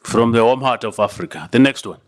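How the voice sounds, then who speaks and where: A man's voice: medium pitch, expressive, brisk. A man moderates a formal gathering, moving people along with short prompts. His voice sits in an ordinary middle register, and he drops in the odd light joke. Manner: brief, lightly joking. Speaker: event moderator. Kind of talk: moderating round of introductions.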